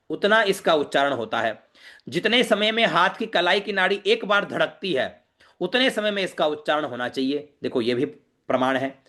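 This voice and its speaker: A man teaching a Vedic recitation class, slowly repeating each sound and checking in with his students. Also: sits high, a bit bright. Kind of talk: demonstration lesson on pronunciation.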